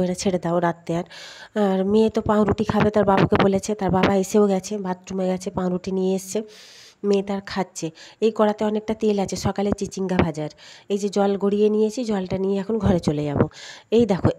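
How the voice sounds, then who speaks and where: A woman's voice: medium pitch, dark tone, a little hiss or hum. A middle-aged woman, chatting casually to viewers as she cooks in her home kitchen. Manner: chatty, talks viewers through her chores. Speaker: vlogger. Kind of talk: casual cooking vlog chat.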